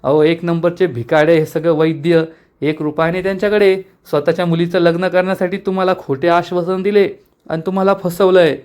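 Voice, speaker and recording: A man's voice: fairly high pitch, level tone, brisk, a little mellow, clear, resonant tone, lightly acted. A man voicing a scheming young sister-in-law who talks in a wheedling, gossipy way.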